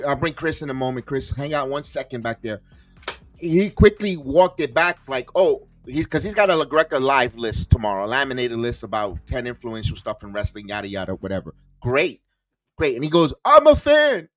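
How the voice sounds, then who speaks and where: A podcast host rants heatedly about wrestling, cursing and stumbling through many repeats and restarts. His voice is medium-pitched, and the recording is dry.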